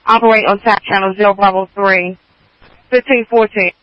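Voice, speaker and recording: A man's voice: sits high, steady tone, normal speed. A man working as an emergency dispatcher, calling out units, addresses and times in clipped codes over a two-way radio. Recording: muffled dry radio transmission.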